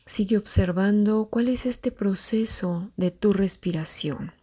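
A woman guiding a breathing meditation, giving soft, calm instructions and counting breaths aloud. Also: medium pitch, measured pace. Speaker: meditation guide.

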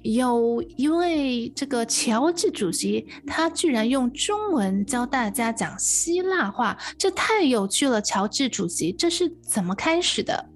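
A woman's voice: fairly high pitch, sing-song, a little slow, few pauses. A woman hosting a radio interview, addressing listeners and her guest with frequent exclamations.

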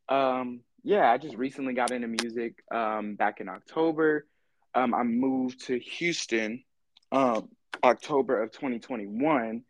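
A man in his twenties from California, chatting casually as a podcast guest, halting and easygoing, with lots of ums. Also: mid-range voice. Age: 20s. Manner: laid-back, halting, full of ums and laughs. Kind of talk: casual interview chat.

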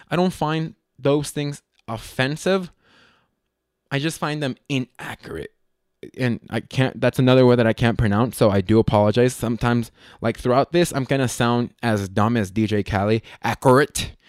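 A man's voice: mid-range voice, moderate pace, clean tone, no echo, clean studio sound. A man who works as a comedian, talking casually to the camera in a rambling way, often stopping to correct himself. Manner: rambling, self-correcting, hesitant.

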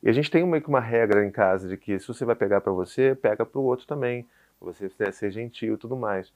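A man's voice: mid-range voice, quick pace. A man in his thirties with a Brazilian Portuguese accent, a podcast guest telling a story in casual chat and acting out the dialogue. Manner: animated storyteller, acts out dialogue. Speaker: podcast guest, father of four.

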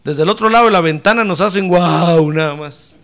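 A man preaching a fiery sermon in church, dropping to low asides and then rising to shouted praise. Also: fairly quick. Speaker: pastor.

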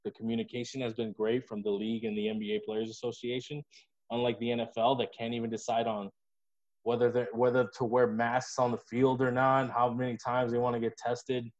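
Speaking a little fast, this man co-hosts a laid-back podcast, swearing and joking freely. His pitch is medium with little movement, his tone slightly mellow, and the audio has a somewhat dull lo-fi quality.

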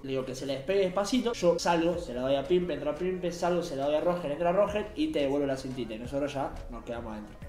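Young Rioplatense man, quick animated storyteller, slightly high voice, echoey room with faint music. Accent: Rioplatense Spanish. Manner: fast, animated storytelling with acted quotes and laughter. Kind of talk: casual chat.

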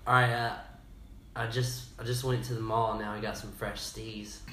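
A man's voice: lowish voice, little pitch movement, normal speed. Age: adult. Sex: man. Role: host quizzing friends on slang. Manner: patient, repeats and spells words. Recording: roomy, noisy, distant mic. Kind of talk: casual group chat.

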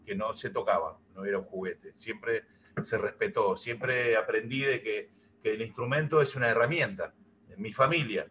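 A man's voice: medium pitch, fairly bright tone, a little hiss or hum, low-quality recording. A middle-aged Argentine man, a musician and music teacher from Santa Fe, talking casually in an interview over a video call. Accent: Argentine Spanish (rioplatense voseo).

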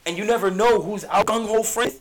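A man in his thirties co-hosting a casual podcast, animated and profane, swinging from soft asides to loud bursts. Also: high voice, fairly quick. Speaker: podcast co-host. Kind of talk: casual chat.

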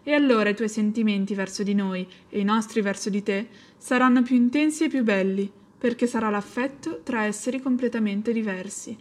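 Zorba, a woman doing a gentle protective big cat. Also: medium pitch, brisk, hardly any pauses, natural voice. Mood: tender. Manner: gentle, earnest.

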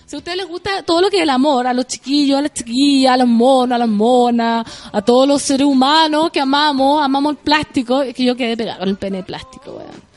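A woman with a Chilean accent hosting a radio show, chatting loudly and playfully in slang and reading out listener messages. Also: high-pitched, a little fast, hardly any pauses. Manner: loud, playful, slangy, bursts into song.

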